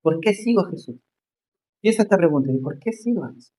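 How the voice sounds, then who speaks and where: A male pastor preaching a sermon, rising into emphatic questions and slowing to stress key phrases. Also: sits high, expressive, warm tone.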